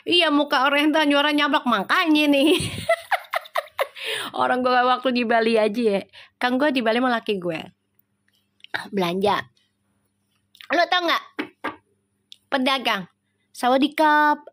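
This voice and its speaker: Betawi jakarta lady chatting on a tarot stream, kinda high voice, jokey, laughs a lot. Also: normal speed, long pauses, a bit bright. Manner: chatty, teasing, laughs often. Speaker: tarot reader and live stream host. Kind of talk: casual live chat with viewers.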